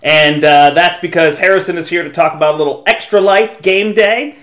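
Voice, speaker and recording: A man's voice: fairly high pitch, a little fast, a bit bright, reverberant. A man hosting a podcast in a casual, chatty style. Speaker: podcast host. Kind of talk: casual gaming podcast chat.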